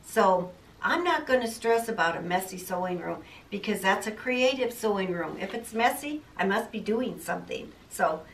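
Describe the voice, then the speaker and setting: A woman's voice: medium pitch, animated, normal speed, slight background noise. An older woman vlogging casually about her sewing plans, chatty and rambling, in a cluttered home sewing room. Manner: chatty, rambling, self-deprecating. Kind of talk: casual chat to camera. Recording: roomy, mic at a distance.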